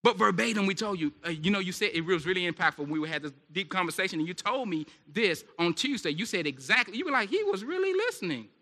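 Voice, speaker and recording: A male preacher delivers a lively, conversational sermon and keeps checking in with the congregation. His voice sits high and comes across forceful and sharp. The recording has a long hall echo. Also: fast talker, few pauses, breathy edge. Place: church service. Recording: echoey hall reverb.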